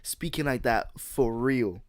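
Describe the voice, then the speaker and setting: A man's voice: medium pitch, takes it slowly, no echo, studio quality. A man hosting a casual podcast chat, rambling with repeated words and frequent laughs. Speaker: podcast host.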